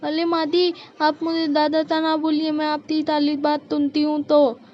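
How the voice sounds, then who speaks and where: A woman doing a young cartoon daughter-in-law with a heavy, childlike lisp. Her voice is high and her speech slow, and she sounds timid even when she answers back. The sound is dull and lo-fi. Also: slight background noise. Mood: pleading. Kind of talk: cartoon voice acting. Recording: dull lo-fi recording.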